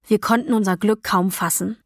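A woman reading a first-person novel as an audiobook, in a calm, even storytelling voice with quiet dialogue voices. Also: medium pitch, normal speed, no echo, clean studio sound. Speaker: audiobook narrator. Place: dry recording booth. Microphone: close studio mic.

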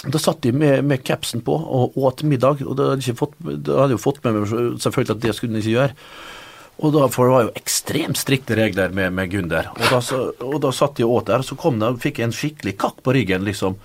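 A man's voice: mid-range voice, gravelly. A man, a former footballer, telling rambling anecdotes on a podcast with frequent laughs.

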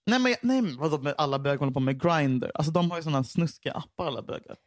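A man co-hosting a podcast in casual chat, animated, swearing freely and acting out what others said. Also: on the high side, no echo, studio quality. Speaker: podcast co-host.

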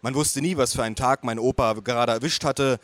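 A man reading a first-person audiobook in a calm, measured way with a wry edge. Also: mid-range voice, no room sound. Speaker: audiobook reader.

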